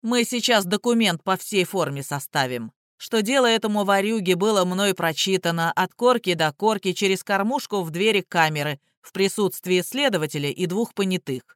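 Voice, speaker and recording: A reader voicing a stern male lawyer and former policeman who booms and barks orders. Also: moderate pace, hardly any pauses, fairly bright tone, dry recording, studio quality, close to an everyday voice. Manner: booming, barking orders.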